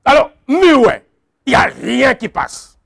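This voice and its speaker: A man's voice: extremely high pitch, wildly swooping pitch, slow pace, gravelly, a bit bright, dry recording, clean studio sound. A man preaching a sermon, emphatic and repetitive, calling out to his congregation. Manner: emphatic, repeats phrases, calls out to the congregation.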